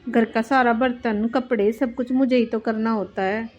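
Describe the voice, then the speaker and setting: A woman's voice: fairly high pitch, fairly even intonation, normal speed, darkish tone, lightly acted. A woman voicing an overworked elderly mother-in-law who complains about her daughters-in-law. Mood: complaining. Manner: complaining, self-pitying. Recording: dull lo-fi with faint music.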